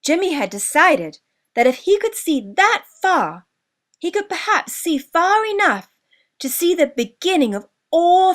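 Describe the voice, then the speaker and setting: Reading her own scripted children's tale, a woman author uses a high, lively voice. She stretches out her words in a deliberate, expressive storybook style.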